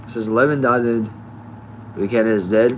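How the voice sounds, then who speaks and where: A nineteen-year-old man reading viewer comments aloud in a relaxed, chatty live stream, often trailing off quietly. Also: medium pitch, fairly quick, a little hiss or hum. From United States. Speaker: livestreamer.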